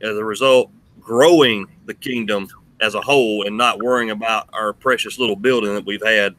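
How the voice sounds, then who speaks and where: A man's voice: lowish voice, fairly even intonation, moderate pace, a bit bright, poor audio. A man hosting a conversational interview about faith, speaking as an interviewer who also adds his own commentary. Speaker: interviewer, host. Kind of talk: conversational religious discussion.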